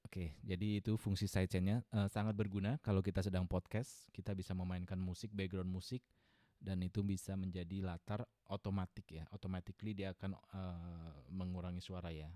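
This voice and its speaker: A man's voice: low-pitched, level tone, brisk, dark tone, no echo, studio quality. A man casually demonstrating an audio mixer, chatty and adding "ya" to most sentences, speaking into a podcast mic in a room with a ceiling fan. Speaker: tech reviewer. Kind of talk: casual product demo. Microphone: dynamic podcast mic through a mixer.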